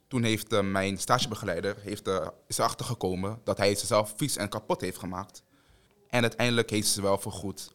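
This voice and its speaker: A young male student telling a story from his internship in a halting way, with many fillers. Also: on the low side, a bit bright. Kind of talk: casual storytelling.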